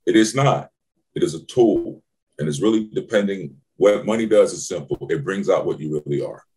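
A man's voice: deep voice, darkish tone, slightly rough, low-quality recording. A man co-hosting a podcast, giving life advice in short, emphatic, slangy phrases. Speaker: podcast co-host. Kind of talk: casual advice talk.

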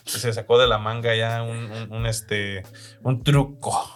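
A man's voice: medium pitch, fairly even intonation, slow pace, soft background music. A man with a Mexican accent hosting a casual chat, reading viewer comments aloud in a laid-back way, swearing often and laughing between comments. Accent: Mexican Spanish. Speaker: host.

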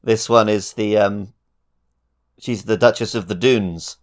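A man co-hosting a podcast chats casually and conversationally about video games. His voice is on the low side, with a steady tone and a measured pace.

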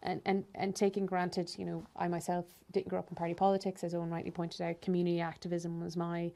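A woman's voice: on the low side, monotone, fast, vocal fry, dark tone. A woman with an Irish accent hosting a podcast and interviewing guests in a conversational style. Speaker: podcast host.

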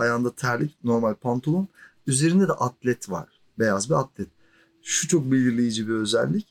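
A man's voice: mid-range voice, a little mellow, slightly rough. A man in his forties telling a personal story in a casual, conversational way, chuckling between loose filler words. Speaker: podcast storyteller.

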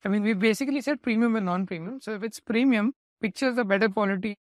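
Here's a company executive with an Indian English accent, a fast talker with a high voice, answering business interview questions as a guest. He takes an explanatory approach and sometimes corrects himself mid-sentence. The audio is studio quality, with no echo.

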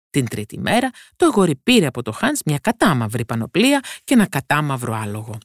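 A woman narrating a fairy tale for a podcast, expressive and switching voices for characters. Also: very deep voice, gravelly, no echo, studio quality. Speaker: storyteller.

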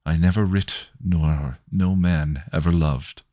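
A man voicing a gentle, romantic male poet who recites verse slowly and lyrically. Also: deep voice, no room sound. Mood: tender. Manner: slow, lilting recitation of verse.

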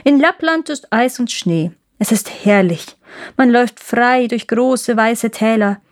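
Woman doing a gentle reindeer, longing for home, storybook voice. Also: fairly high pitch, unhurried, lightly acted. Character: gentle homesick reindeer, male.

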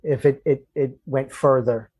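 A man who works as a firefighter, telling a long personal story in conversation, halting and restarting as he goes and growing emotional. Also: medium pitch, fairly even intonation, a little mellow, slightly rough. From Florida. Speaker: firefighter guest.

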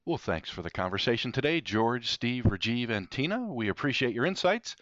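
A man's voice: mid-range voice, very animated, moderate pace, a bit bright, no room sound. A man speaking as a podcast host, with scripted-sounding lines. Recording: dry, slightly dull lo-fi audio.

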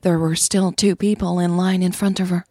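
This audio drama narration comes from a woman storyteller reading a script in a lowish, husky, slightly breathy voice. Her tone stays level and a little mellow at a normal speed. The recording is very dry, with no room sound.

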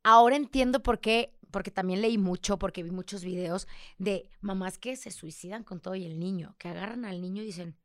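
A woman's voice: medium pitch, a little fast, no echo, clean studio sound. A young woman with a Mexican accent, speaking frankly and emotionally as a guest in a candid conversation, swearing freely and acting out the voices she quotes.

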